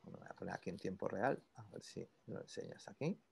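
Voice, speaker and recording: A man teaching an online class on e-commerce, conversational and animated, constantly checking in with his students. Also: low-pitched, a little fast, creaky, slight background noise. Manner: conversational, peppers speech with "¿vale?"; animated, lively explanations with asides to students. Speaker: e-commerce instructor.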